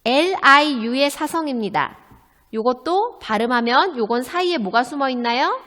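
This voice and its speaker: A woman with a fairly high, lively voice teaches a recorded Chinese lesson. She speaks slowly and carefully, asking questions and then answering them herself. A long reverb trails her words. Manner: slow, careful drilling of pinyin sounds.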